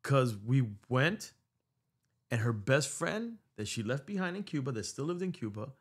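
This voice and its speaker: At a normal pace and medium pitch, with big swings and a slightly rough edge, this middle-aged US podcast host recounts a long story in casual conversation, swearing and sprinkling in Spanish words on a boom-arm studio mic.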